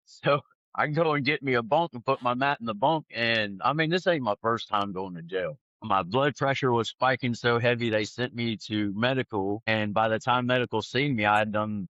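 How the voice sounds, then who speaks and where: A man telling his testimony in an animated, conversational way. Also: mid-range voice, normal speed, no echo, highs cut off. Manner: animated, acts out other people's lines. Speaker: guest sharing his testimony. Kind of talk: conversational storytelling.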